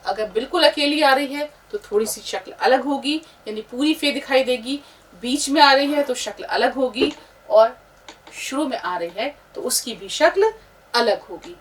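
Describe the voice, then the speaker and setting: A woman's voice: high voice, lively intonation, moderate pace. Patient woman teaching letters, slightly distant. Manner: patient, explaining, pointing at letters as she writes. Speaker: Urdu teacher. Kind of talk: step-by-step script lesson.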